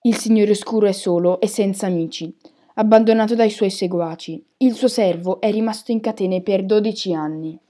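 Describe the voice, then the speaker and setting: A woman narrator gives voice to an eccentric divination teacher from a storybook. She coos softly in a warm, mellow tone, then breaks into a hard, loud trance voice. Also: medium pitch, normal speed, lightly acted. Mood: harsh trance. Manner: sweet and hushed, turning harsh and loud in trance. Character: eccentric female divination teacher, misty, theatrical.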